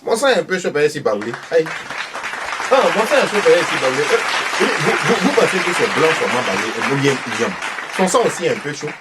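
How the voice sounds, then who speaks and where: Comedy role: a man playing a husky, fiery older Ivorian mother, high and very lively, from a distant mic. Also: brisk, a loud crowd, very noisy. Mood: indignant. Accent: Ivorian French. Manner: loud, insistent, exclaiming.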